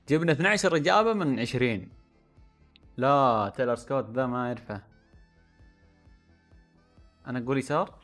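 A man hosting a gaming channel, talking in casual commentary that swings from mumbled guesses to loud outbursts. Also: a little high.

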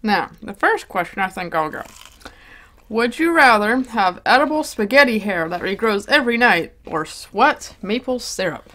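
A woman's voice: mid-range voice, lively intonation, normal speed, a bit bright. A woman hosting a casual eating show, chatting with a laugh and stumbling over her words now and then. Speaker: mukbang host. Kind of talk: casual chat while eating.

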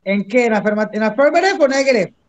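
A male English teacher with a very high voice gives online class instruction, talking fast and expressively. He's encouraging and switches between English and Spanish.

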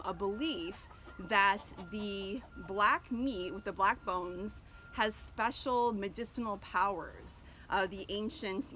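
A woman in her thirties with a medium-pitched, fairly bright voice chats casually about her chickens beside an outdoor coop, full of ums and restarts. This homesteader's casual educational vlog is captured by a close-range camera, with a little hiss or hum.

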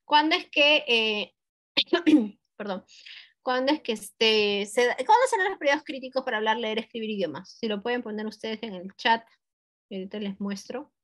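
A woman teaching a webinar for teachers on a video call, talking conversationally with many tag questions and fillers, and clearing her throat often. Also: on the high side, fairly bright tone. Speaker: English teacher leading a webinar. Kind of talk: live online teacher talk.

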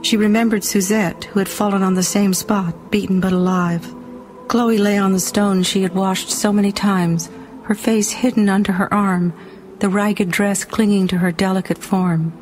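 Female audiobook narrator, expressive dramatic read, medium pitch. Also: normal speed, a little hiss or hum.

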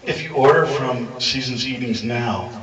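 An older man playing an earnest baker guest in a live pub comedy sketch, deadpan and matter-of-fact. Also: mid-range voice, normal speed, close to an everyday voice. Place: crowded pub. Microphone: handheld mic. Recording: echoey pub, far mic, loud crowd.

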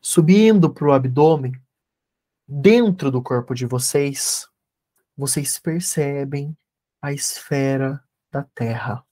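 A man teaches an online workshop over a video call, then leads a guided meditation. He speaks unhurriedly in a dark, mellow voice. His instructions are calm and repetitive, with a therapist's steady focus. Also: mid-range voice, takes it slowly. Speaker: therapist leading an energy workshop.

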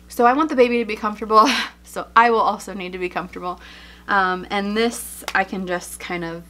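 A woman's voice: medium pitch, bright, forceful tone. Chatty, slightly breathless young woman. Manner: chatty, many fillers and laughs. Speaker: vlogger. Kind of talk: casual chat showing items.

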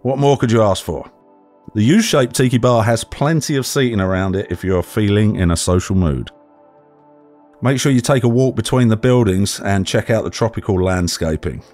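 Man, lowish voice, scripted travel voice-over, clear step-by-step directions, soft music underneath. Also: normal speed. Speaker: travel guide narrator. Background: faint background music.

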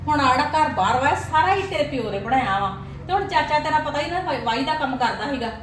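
A fairly high, coaxing aunt, played by a woman in a family web drama, explaining things patiently to her nephew. The voice sounds roomy and echoey. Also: expressive, quick pace. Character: reasoning paternal aunt mediating a family quarrel. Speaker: aunt called to settle a dispute.

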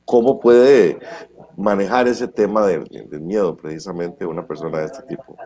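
A man hosts a casual talk show and picks his words in measured, searching phrases. His voice is deep and dark. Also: steady tone. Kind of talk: casual chat.

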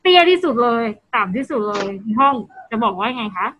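A woman's voice: fairly high pitch, big pitch swings, a little fast, a bit bright, slight background noise, rough recording. A woman teacher explaining patiently on a video call and prompting her students to answer. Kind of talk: online class teaching.

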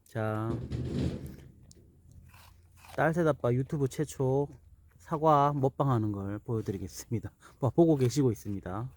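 A man's voice: medium pitch, measured pace, pauses often, a little mellow, slight background noise. A man casually narrating a homemade pet video outdoors while he films, now and then chatting to the animal. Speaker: vlogger filming own dog. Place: outdoors in an apple orchard.

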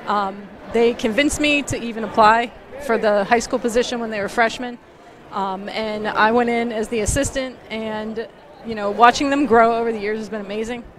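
A woman in her thirties, a high school volleyball coach, answering postgame questions earnestly with many filler ums, on a headset mic courtside in an empty gym. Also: fairly even intonation, moderate pace. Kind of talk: postgame interview.

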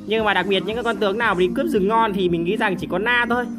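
A woman with a hoarse, worn voice chats her way through a mobile game match. Her pitch sits in an ordinary middle range, and she keeps bursting into loud exclamations and repeated short cries. Game music plays clearly underneath. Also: rapid-fire. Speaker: game commentator. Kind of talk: casual mobile game commentary.

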